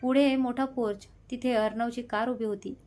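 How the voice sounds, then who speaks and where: Brief: female storyteller, scripted romance narration, steady and dramatic, slightly high voice. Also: normal speed.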